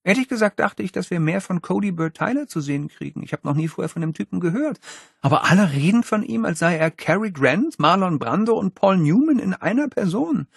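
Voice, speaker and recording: A man's voice: sits high, lively intonation, brisk, creaky, breathy edge, no room sound, pitched above the performer's own voice, exaggerated voice. A man voicing a bored, sarcastic schoolgirl in a storybook reading, with a dry, scornful manner.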